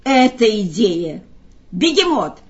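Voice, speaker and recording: A woman voicing a mocking male jester with a loud, bleating goat-like tenor, showy and taunting in a storybook reading. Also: fairly high pitch, expressive, unhurried, lo-fi sound. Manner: taunting, showman-like.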